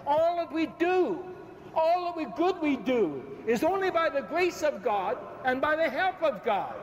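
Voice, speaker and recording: Very high-pitched and sing-song, a little slow, the voice is that of an older bishop from Ireland in a public debate on a big arena stage. He preaches emphatically, building repetitions and gesturing as he moves around, often stepping away from the podium mic so the echoey hall's long reverb is prominent.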